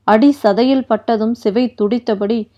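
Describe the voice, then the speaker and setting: Woman narrator, audiobook reading, steady delivery, fairly high voice, dull lo-fi recording. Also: measured pace.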